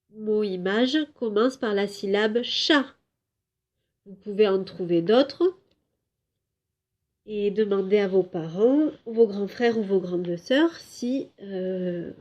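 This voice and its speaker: A woman teaching a home lesson to young children, slowly clapping out syllables and drawing out words for them. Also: medium pitch, darkish tone, highs cut off. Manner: slow, clear syllable-by-syllable teaching; drawn-out, emphatic words for children. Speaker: kindergarten teacher.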